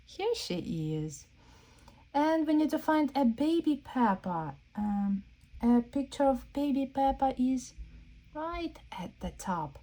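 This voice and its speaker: A woman reads a picture book aloud to young children, guiding them through it interactively. Her mellow voice swings with very animated pitch, full of exaggerated wonder and slow questions for her small listeners.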